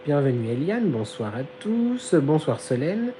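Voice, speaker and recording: A man chats on a live stream through his phone, his voice mellow and dark and starting to fail. He talks in a giggly, slangy way, with a fan humming faintly behind. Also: a little high, very animated, a little slow, a little hiss or hum, rough recording. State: losing his voice. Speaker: live-stream host reading chat. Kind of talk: casual live chat.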